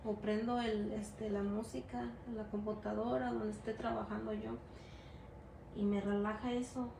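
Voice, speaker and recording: A middle-aged Mexican-American woman from the US demonstrates gelatin art at an indoor table in a medium-pitched voice with vocal fry, keeping a level tone and moderate pace. Chatty and rambling, she fills her Spanish with fillers and English words. The background is noisy, and the echoey room has faint ambience.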